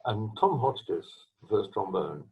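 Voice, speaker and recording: An older man from England, a retired trombonist, telling long rambling stories from his career with restarts and throat-clearing, speaking from home over a video call. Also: lowish voice, very animated, a little slow. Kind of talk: storytelling interview. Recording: tinny video call line.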